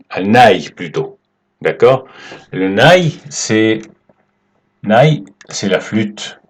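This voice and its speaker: A man teaching Arabic letters at a whiteboard, explaining slowly and patiently and checking in with his students often. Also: fairly low pitch, darkish tone. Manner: slow and patient, checks in with "d'accord?". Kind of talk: whiteboard language lesson.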